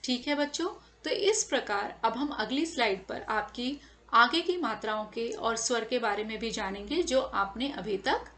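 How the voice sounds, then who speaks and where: A woman's voice: a little high, normal speed, a bit bright. A woman teacher giving a careful lesson to children, stretching and stressing each sound as she says it over slides.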